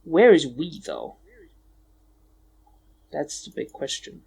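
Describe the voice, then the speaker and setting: A man's voice: a little high, huge pitch swings, takes it slowly, gravelly, a little mellow, slightly rough. A man co-hosting a podcast, chatting casually, joking and bickering and swearing freely. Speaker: podcast co-host. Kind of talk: casual chat.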